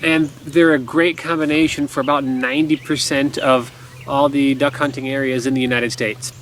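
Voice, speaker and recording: A man's voice: mid-range voice, little pitch movement, moderate pace, fairly bright tone. Casual man explaining, noisy outdoor recording. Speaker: duck call instructor. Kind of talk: casual instructional talk. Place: outdoors in a garden by woods. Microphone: camera a few feet away. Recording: outdoor camera audio with background noise.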